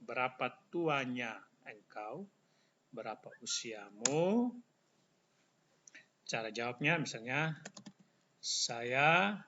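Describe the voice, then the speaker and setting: Slow-spoken man teaching a lesson. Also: medium pitch, pushed and bright, highs cut off, a little hiss or hum. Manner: slow, drawn-out example phrases, repeated for learners. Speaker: language teacher. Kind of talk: online language lesson.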